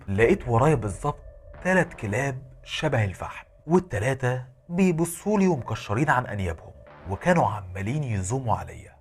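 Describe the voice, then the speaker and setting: Egyptian Arabic horror narrator, a man, quick delivery with a lively, swinging pitch. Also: slight background noise. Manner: fast, animated storytelling. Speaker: horror storyteller.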